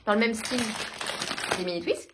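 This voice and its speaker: A woman's voice: a little high, sing-song, fairly quick, heavy background noise. Chatty woman doing a shopping haul. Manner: chatty, hesitant, many fillers. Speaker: vlogger. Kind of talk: casual shopping haul chat. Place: home.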